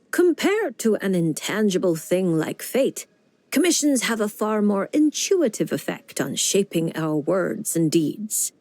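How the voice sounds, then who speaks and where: An old witch-like fortune teller from a video game, knowing and a little creepy. She speaks slowly with lively, teasing swings in pitch and cryptic calm, over background music. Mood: amused, knowing. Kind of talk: video game character dialogue.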